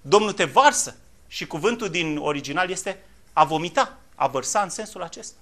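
Male preacher, high bright voice, impassioned sermon, quiet to shouting. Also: expressive. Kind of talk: fiery sermon.

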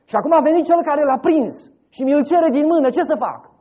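High, animated preacher, dull recording. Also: male voice. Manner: dramatic storytelling, voices quoted figures, rises loud then drops soft. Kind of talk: sermon.

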